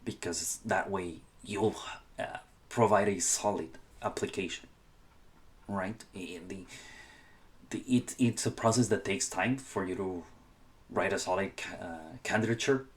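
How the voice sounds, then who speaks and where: A low-pitched young man from Honduras, Spanish his first language, talks to his viewers in a relaxed podcast style. He hesitates often, backing up to restart phrases and correct slips. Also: a little slow. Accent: Spanish-speaking Honduran. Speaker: channel host. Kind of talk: casual podcast-style advice talk.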